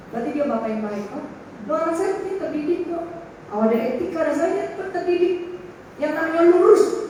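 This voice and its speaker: A middle-aged woman pastor preaching a lively sermon, acting out talks with her child and calling for amens. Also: sits high. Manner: lively preaching, acting out family dialogue, calls for amen. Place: church hall. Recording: very echoey hall from far off, faint noise.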